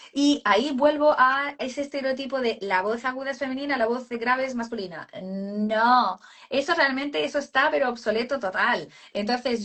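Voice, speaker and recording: Casting: woman voice coach, fairly high pitch, patient and explanatory. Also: a bit bright. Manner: explanatory, addresses listener as cariño. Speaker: speech therapist, voice feminization. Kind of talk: live video chat.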